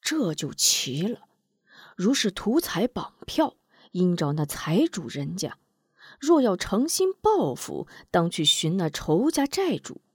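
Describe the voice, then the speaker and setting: A calm, thoughtful elder martial brother, as a woman narrator voices him speaks in lowered, deliberate phrases. The sound is dry, with no echo. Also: husky, exaggerated voice. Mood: measured, warm. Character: steady senior male martial brother, thoughtful.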